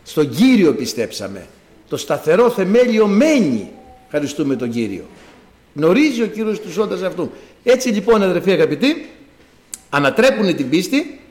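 A man preaching a sermon to his congregation and telling a personal testimony. He talks in an animated way, swinging from loud exclamations to quiet asides, and acts out sounds as he speaks. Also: high voice. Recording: echoey hall.

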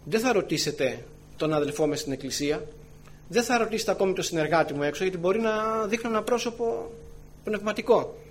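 A man's voice: expressive, slight background noise. Earnest man preaching a sermon. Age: adult with wife and children. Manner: earnest, often calls the listeners brothers and sisters; swings between loud emphatic phrases and soft low asides. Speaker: church elder preaching.

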